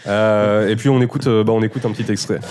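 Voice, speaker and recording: A man's voice: fairly low pitch, steady tone, quick pace, a little mellow. A man with a French accent hosting a casual music podcast, introducing records with many fillers. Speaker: podcast host.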